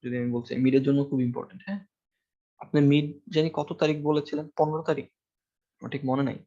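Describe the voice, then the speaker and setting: A male university lecturer with a fairly high, mellow voice talks fast and steadily into an amplified classroom microphone. He explains step by step, asks students questions, and uses frequent fillers. The audio is dull.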